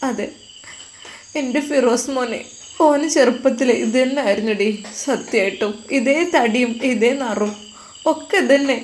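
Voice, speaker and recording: A woman's voice: on the high side, measured pace, a little hiss or hum, natural voice. A woman voicing a grieving older mother who speaks soothingly. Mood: tearful.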